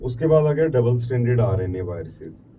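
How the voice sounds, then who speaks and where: A man's voice: mid-range voice, sing-song, brisk, warm tone. A middle-aged man with an Indian accent giving a classroom biology lecture, dropping in English terms, repeating key words and asking and answering his own questions. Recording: distant mic with faint background noise.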